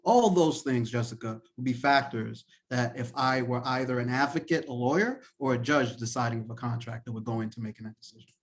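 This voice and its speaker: A man's voice: medium pitch, fairly quick. A man from Trinidad and Tobago, a professor and lawyer, answering questions in a live online class in an encouraging, conversational way. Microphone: video call.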